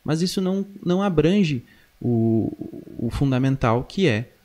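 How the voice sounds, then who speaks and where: A young man with a southern Brazilian accent, a singing teacher appearing as a podcast guest, explains things casually and tags his points with little check-in questions. His voice is higher than average, animated, a little mellow, and measured in pace, picked up close by a boom-arm microphone in a small indoor studio.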